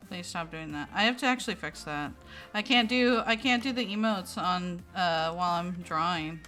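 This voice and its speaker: Young female streamer host, bright tone, teasing banter, soft music underneath. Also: on the low side. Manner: teasing, protesting, quick to laugh. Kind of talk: casual stream chat. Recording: faint music in background.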